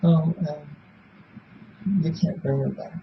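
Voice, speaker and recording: Here the same Belfast-born septuagenarian, raised in Illinois since he was seven, speaks in a fairly high, level voice with vocal fry. Answering a police polygraph interviewer in a cramped room, he rambles casually, stumbling, repeating himself and letting sentences fade. The audio is muffled and noisy.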